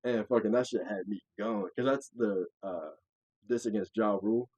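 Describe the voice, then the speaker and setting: A man's voice: lowish voice, normal speed, dry recording, low-quality recording. A young man hosting a casual podcast, telling stories with lots of swearing, acted-out quotes and laughter. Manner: animated storyteller, acts out quotes, swears, laughs often. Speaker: podcast host. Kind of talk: casual chat.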